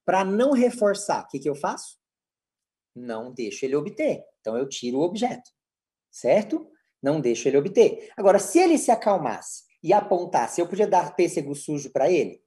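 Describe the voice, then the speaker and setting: A man's voice: on the high side, very animated, normal speed, mellow. A man with a Brazilian Portuguese accent giving a lecture as a psychologist, teaching step by step and answering his own rhetorical questions.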